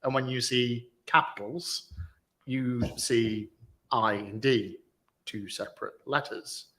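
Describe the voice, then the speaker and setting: A man's voice: medium pitch, steady tone, slow, bright, forceful tone. A British man in casual podcast chat, bantering with dry, self-mocking humor. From Britain. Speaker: podcast co-host.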